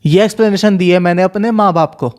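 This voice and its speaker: A young man casually telling a story from his school days, animated, mixing in English phrases. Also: high-pitched, fast. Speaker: storyteller vlogger.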